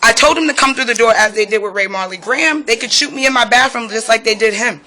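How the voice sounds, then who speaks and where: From inside an apartment, a woman records live protest commentary on a police standoff she's witnessing as a resident. She talks fast in a slightly high, sharp-toned voice, agitated, firing rhetorical questions and turning to address the officers.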